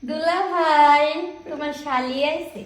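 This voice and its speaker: A woman's voice: sits high, steady tone, slow pace, echoey room. A woman acting an outspoken visiting younger sister in a drama, with a rural Bangladeshi accent. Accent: Bangladeshi rural dialect. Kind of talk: amateur short-film drama dialogue. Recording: faint background noise.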